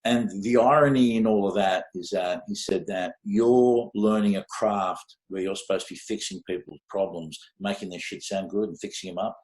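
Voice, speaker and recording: A man's voice: on the low side, steady tone, moderate pace, hardly any pauses, a little mellow. An Australian man in his fifties, a podcast guest telling stories in a rambling, hesitant way, with lots of fillers and casual swearing. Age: 50s. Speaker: podcast guest, music mastering engineer. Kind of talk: casual conversational interview. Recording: echoey room sound.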